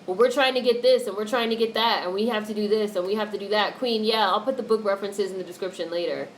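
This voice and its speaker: This livestream host talks fast at a medium pitch, going through chat comments and replying in a blunt, opinionated style full of cursing. Background noise makes the casual stream sound noisy.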